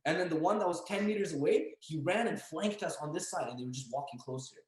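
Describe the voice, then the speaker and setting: A young man telling a story as a podcast guest, casual and animated, acting out the voices of the people in it. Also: fairly high pitch, fast, slight background noise. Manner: animated, acts out dialogue and yelling. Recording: echoey room.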